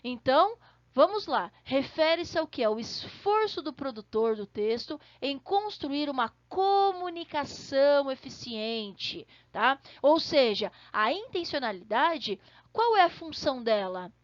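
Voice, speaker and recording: A woman teaches an online class in a high, bright voice, explaining patiently and checking in with her students after nearly every point. The recording is dry and a little muffled, as if made on a simple home mic. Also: sing-song, a little slow, no echo. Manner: explanatory, checks in with frequent tag questions. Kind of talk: online language lesson.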